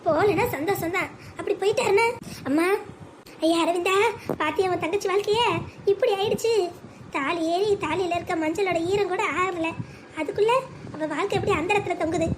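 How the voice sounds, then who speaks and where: A woman's voice: extremely high pitch, brisk, pauses often, a little hiss or hum. Woman voicing a wailing, anxious bride's mother. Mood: despairing. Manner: wailing, despairing.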